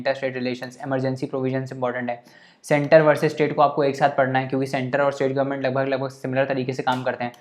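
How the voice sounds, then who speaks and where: A man giving a casual coaching lecture for exam prep, talking conversationally, mixing in English terms and often checking that listeners follow. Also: medium pitch. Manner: mixes English terms into Hindi.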